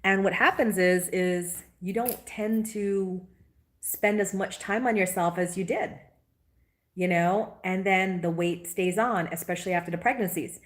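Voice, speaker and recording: A woman, a spiritual teacher in a casual live-stream chat. She talks in a chatty, animated way and greets viewers by name. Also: lowish voice, unhurried. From Guyana. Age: 40s.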